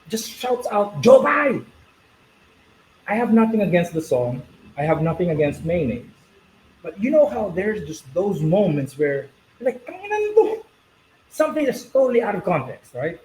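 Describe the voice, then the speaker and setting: A man's voice: fairly high pitch, a little mellow, a little hiss or hum, rough recording. A man who fronts a metal band, talking bluntly and cursing freely as a podcast guest. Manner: blunt, profane, storytelling. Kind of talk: casual podcast chat.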